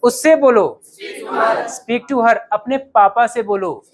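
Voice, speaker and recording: A man teaching English to a class, calling out phrases loudly for students to repeat in a drill. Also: extremely high pitch, slow pace, a crowd in the background. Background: students' voices.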